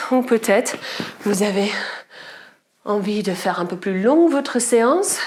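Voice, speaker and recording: Woman yoga teacher with a cold, slightly out of breath, slow and calm, cueing each inhale and exhale. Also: mid-range voice, slight background noise. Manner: calm cues timed to the breath, some lines whispered. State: has a cold, a little out of breath. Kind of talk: guided yoga class instruction.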